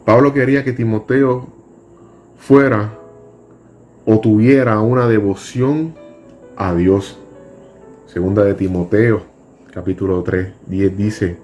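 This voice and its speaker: A man teaching a Bible school class, reading scripture verses aloud and explaining them in a deliberate, measured way. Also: fairly low pitch, mellow. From Puerto Rico.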